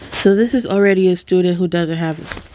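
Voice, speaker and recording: Here a podcast host talks to her viewers in a casual, earnest, soft-spoken way, her pitch on the low side and her pace fairly quick. Her nose is stuffed up, so she's congested and sniffling. Slight background noise can be heard.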